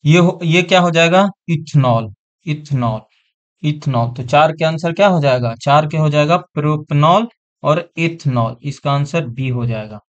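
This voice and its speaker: A man's voice: fairly high pitch, a little slow, lo-fi sound. A man teaching an exam-prep science class online, repeating terms and often checking that students follow.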